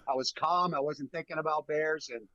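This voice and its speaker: Brief: emphatic male guest, slightly raised pitch, dry and somewhat muffled audio. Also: moderate pace, dry recording. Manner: animated, repeats words, emphatic. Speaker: guest, bear hunting guide. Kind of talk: casual storytelling.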